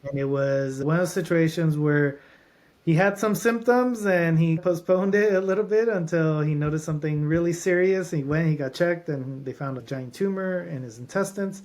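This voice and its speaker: A man who works as a doctor at a holistic clinic appears as a podcast guest, explaining treatments in runs of lists and restarting often. His voice is on the high side with a darkish tone, and he speaks at a normal speed.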